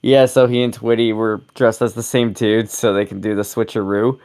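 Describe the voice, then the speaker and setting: A man's voice: fairly low pitch, level tone, normal speed, a little mellow, clear, resonant tone. A young man co-hosting a casual review podcast, rambling and correcting himself as he talks, with frequent chuckles. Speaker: podcast co-host.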